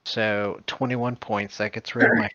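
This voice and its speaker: A man's voice: on the low side, flat delivery, unhurried, bright, forceful tone, dry recording, dull audio. A man playing a tabletop game over voice chat, chatty and laughing, muttering his dice rolls. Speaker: player.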